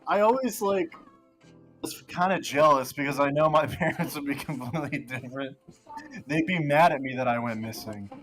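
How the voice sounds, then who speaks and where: A man's voice: fairly high pitch, normal speed, fairly bright tone, faint music behind. Rambling, sweary man joking on stream. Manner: rambling, sarcastic, heavy swearing and fillers. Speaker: co-player on a stream. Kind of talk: casual banter.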